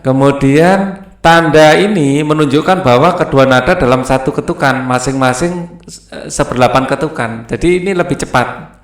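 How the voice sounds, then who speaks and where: Guy teaching music from a textbook, sings bits, roomy echo, faint guitar behind. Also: medium pitch. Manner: reads textbook aloud then explains, sings note names and short song lines. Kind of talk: explaining a school textbook.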